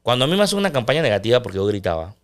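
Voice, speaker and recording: A middle-aged man, a sports commentator talking loudly and intensely in a casual interview. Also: medium pitch, sing-song, racing. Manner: loud, intense delivery.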